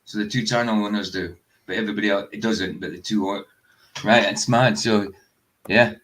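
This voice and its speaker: A Scottish man hosts a livestream in loose, rambling chat. He laughs easily and wanders through his thoughts. His voice sits on the lower side. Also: steady tone, fairly quick, a bit bright. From northeast Scotland. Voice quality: chatty and rambling, laughs often. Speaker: livestream host. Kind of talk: casual chat.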